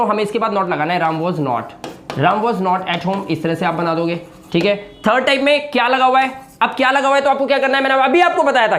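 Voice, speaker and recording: A man teaching English grammar in a lively video lesson, repeating example sentences slowly. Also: high voice.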